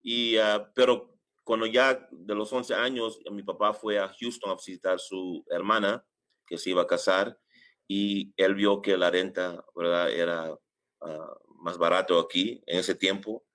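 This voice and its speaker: A middle-aged man from New York, United States, is an interview guest casually telling his personal story in Spanish. His voice is low-pitched, steady and a bit bright, and he halts often, sprinkling English filler phrases into his speech.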